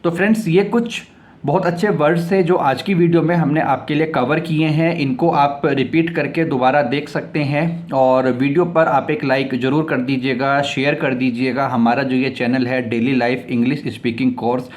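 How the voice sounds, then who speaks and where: A man's voice: medium pitch, fairly even intonation. A man teaching English vocabulary, explaining each word, spelling it out letter by letter and repeating it several times. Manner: spells words out letter by letter and reads example sentences slowly. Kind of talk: vocabulary lesson.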